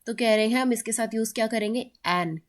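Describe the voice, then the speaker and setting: A woman teaching English grammar in a mix of Hindi and English, who often checks in with her students and slows down to read examples aloud. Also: on the high side. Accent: Indian English. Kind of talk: explaining grammar in a classroom-style lesson.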